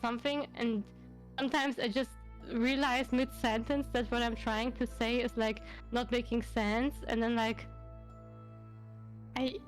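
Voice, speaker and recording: Speaking unhurriedly in a fairly high voice with little pitch movement, a Belarusian woman with a German accent and Russian as her native language rambles through a casual livestream chat as a VTuber guest. She uses many fillers and restarts, and faint music plays behind her.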